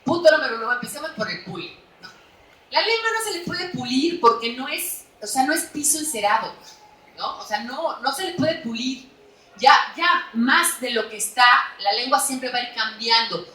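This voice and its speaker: Animated Mexican woman in an echoey hall. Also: high voice, moderate pace, far from the mic. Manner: animated, chatty, frequent "¿no?" tags. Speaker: author presenting her book. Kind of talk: lively public talk at a book fair. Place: large echoey hall at a book fair.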